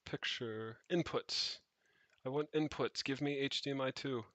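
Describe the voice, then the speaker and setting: A man with a mid-range, slightly bright voice talks a little slowly, with no room sound. He's a tech hobbyist streaming live from his rented home, rambling unscripted and thinking aloud as he tinkers, swearing casually along the way.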